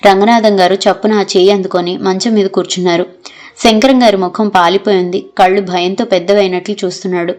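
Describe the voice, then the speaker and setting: A woman narrating an audio novel in a steady, measured storytelling manner. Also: mid-range voice.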